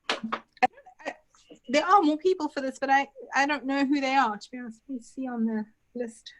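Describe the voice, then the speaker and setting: A young woman with a fairly high, fairly bright voice teaches an online baking class over a video call, chatting casually. She's a bit scattered and says "like" a lot. The sound comes through a computer mic and the recording quality is low.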